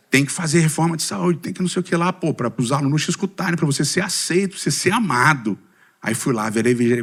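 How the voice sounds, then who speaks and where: A middle-aged Brazilian man giving a humorous personal testimony to a church community, asking the audience questions and poking fun at himself. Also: medium pitch. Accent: Brazilian Portuguese. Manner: lively storytelling with self-deprecating humor, asks audience questions. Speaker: speaker at a church community talk.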